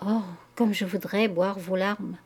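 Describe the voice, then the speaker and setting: A woman's voice: medium pitch, fairly even intonation, measured pace, husky. A woman reading an ardent young lover. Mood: ardent pleading. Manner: ardent, pleading, hushed. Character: passionate young man declaring his love.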